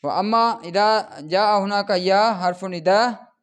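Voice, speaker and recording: A man's voice: high voice, normal speed, smooth. A man teaching Arabic grammar, explaining patiently and repeating each example word several times while speaking straight to the viewers.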